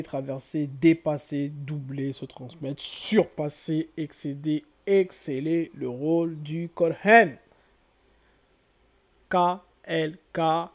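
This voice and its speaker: A man's voice: a little high, gravelly. A man giving an explanatory lecture to viewers, spelling out letters one by one and often correcting himself. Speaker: lecturer on word origins.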